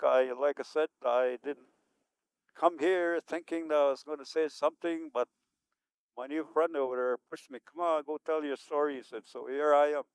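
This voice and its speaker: A man in his seventies from Manitoba, Canada, with a slightly high, smooth voice, rambles through unscripted remarks at a community event and chuckles often. The audio is poor, though there's no echo.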